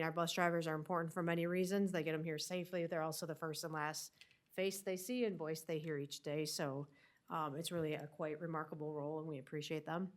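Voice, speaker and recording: A woman with a nasal voice from a winter cold, giving a superintendent's upbeat update at a school board meeting. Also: sits low. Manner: upbeat, with many fillers.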